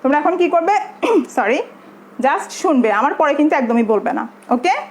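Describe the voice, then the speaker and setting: A Bangladeshi woman teaching English to young pupils in an online class, speaking in a drawn-out way and switching between English and Bengali. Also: sits high, expressive, darkish tone. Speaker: primary school English teacher.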